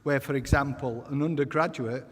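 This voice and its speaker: A man giving a formal, measured podium speech as a university vice-chancellor in a large, echoing hall. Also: mid-range voice, fairly even intonation, fairly bright tone. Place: large ceremony hall, indoors. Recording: echoey hall with long reverb.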